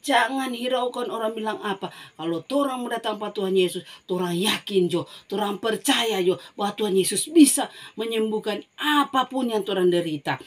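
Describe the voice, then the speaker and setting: Woman, Sunday school teacher, animated children's Bible storytelling, middle pitch. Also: normal speed.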